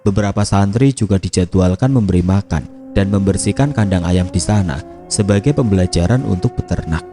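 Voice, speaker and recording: A man narrating a scripted horror story in a steady, measured reading. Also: sits low, over music.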